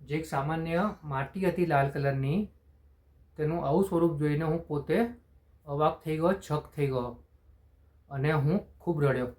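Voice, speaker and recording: A man narrating a spoken short story in the first person, in an unhurried, unpolished way with restarts and searching for words. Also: a little high, a little mellow.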